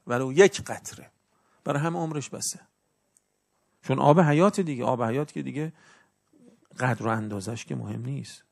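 A man delivers a sermon in a gravelly, slightly rough voice. He teaches earnestly and instructively, his loudness swelling and falling as he makes his points. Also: mid-range voice. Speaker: religious preacher.

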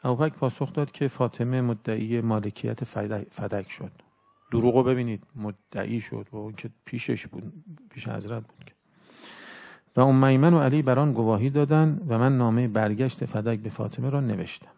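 A man preaching a religious sermon in an earnest, instructive way, with his loudness swinging up and down. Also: mid-range voice, gravelly.

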